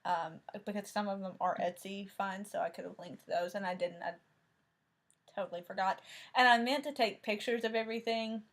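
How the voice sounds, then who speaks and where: A steady, fairly bright mid-range voice at moderate pace belongs to a Tennessee woman with a thick Southern accent who hosts a crafting vlog. She chats casually about cross-stitch, rambling a bit and frequently using fillers and correcting herself.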